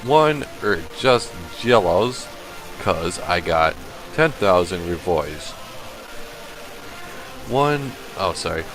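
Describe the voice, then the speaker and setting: A man doing a comedic read-aloud of a badly written story, deadpan and halting as he stumbles over the text. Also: sits low, over music. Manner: slow, halting, deadpan reading broken by laughter. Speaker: stream host reading a fan fiction aloud. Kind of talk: comedic dramatic reading.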